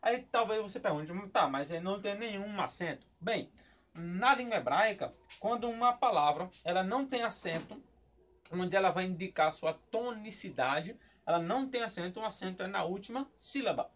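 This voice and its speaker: A man's voice: high-pitched, expressive, normal speed, a bit bright. A Brazilian man teaching a recorded lesson on Hebrew syllables, asking himself questions and then answering them, often repeating words as he thinks. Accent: Brazilian Portuguese. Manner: explanatory, asks and answers his own questions, repeats words while thinking.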